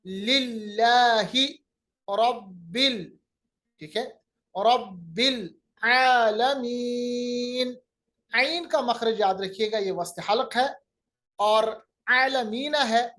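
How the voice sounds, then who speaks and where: A man teaching Quranic recitation in a recorded lecture, explaining each sound step by step and demonstrating it slowly. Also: sits high.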